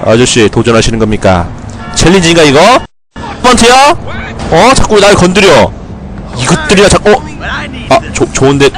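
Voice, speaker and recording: A man's voice: on the high side, very animated, normal speed, pauses often, fairly bright tone, soft background music. A young man casually commenting while he plays a game, joking with viewers and ranting at the characters in mock anger. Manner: joking, talks to himself and viewers, mock scolding rants. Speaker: game streamer.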